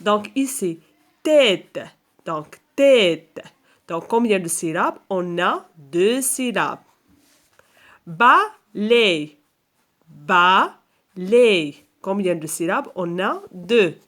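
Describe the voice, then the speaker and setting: A woman with a Moroccan accent teaching a school lesson for young children, explaining step by step with patience and stretching out example words slowly and repeating them. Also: mid-range voice, lively intonation.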